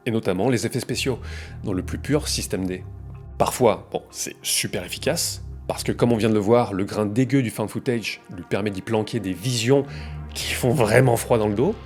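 A man hosting a video essay, narrating in a wry, conversational way with playful emphasis. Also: mid-range voice.

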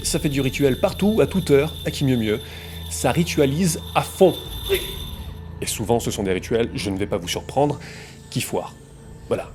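Wry, conversational man narrating. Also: medium pitch. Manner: wry, conversational, with playful emphasis. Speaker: video essay host. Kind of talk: casual video essay narration.

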